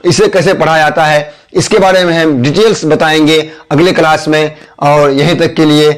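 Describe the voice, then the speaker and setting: A man's voice: on the high side, steady tone, normal speed. A man teaching the alphabet as a spoken lesson, patiently repeating each letter and its sound step by step. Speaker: Urdu teacher.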